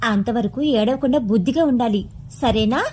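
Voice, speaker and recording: A woman voicing a kindly older woman, a nurse who talks in a gentle, reassuring way. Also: a little high, normal speed, slight background noise, lightly acted. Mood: soothing.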